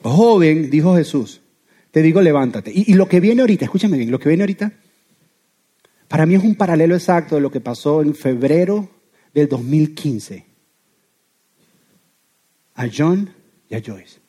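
A pastor preaches an animated sermon, explaining with everyday examples. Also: male voice, fairly high pitch, normal speed, pauses often, slightly rough.

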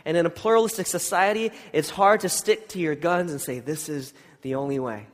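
A man's voice: on the high side, a little fast. A man preaching in an informal, conversational and slightly hesitant way, with a congested, nasal voice. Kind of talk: informal church sermon with scripture reading and prayer. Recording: long hall reverb.

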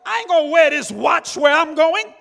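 High, gravelly shouting preacher man. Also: lively intonation, moderate pace. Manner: fervent, shouting, repeating hallelujah. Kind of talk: sermon. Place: church sanctuary. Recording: long church reverb with faint music.

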